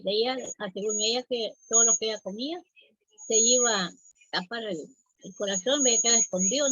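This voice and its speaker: A woman telling a traditional folk tale aloud in an unhurried, halting way, often repeating words. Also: on the high side, fairly bright tone, breathy edge, dry recording, rough recording. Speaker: storyteller.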